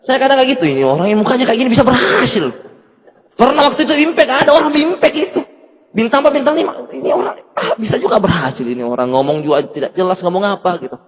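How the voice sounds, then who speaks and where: A man tells a motivational story to a seminar crowd, with a very high voice that leaps around, acting out both sides of each exchange and laughing often. His voice rings with a long reverb from a large hall. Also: quick pace. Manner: animated, laughs often, acts out dialogue. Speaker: guest speaker at a business seminar.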